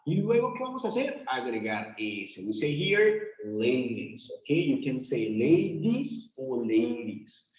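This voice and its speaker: Very animated and mid-pitched, this man leads an English grammar lesson for Spanish speakers, posing questions to the class and lingering slowly over example words. It's recorded in an echoey room with muffled, lo-fi sound.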